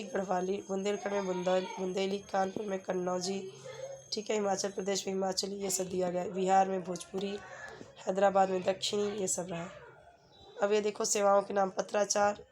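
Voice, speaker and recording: A woman's voice: medium pitch, a little hiss or hum. A woman teacher, patiently walking students through a workbook lesson with everyday example sentences. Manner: patient, repeats "ठीक है" often, gives everyday example sentences.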